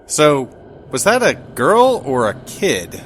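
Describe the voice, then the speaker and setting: A man's voice: on the high side, huge pitch swings, slow pace, fairly bright tone, slight background noise. A man hosting a let's play, giving casual, joking, conversational gameplay commentary. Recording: game music behind the voice.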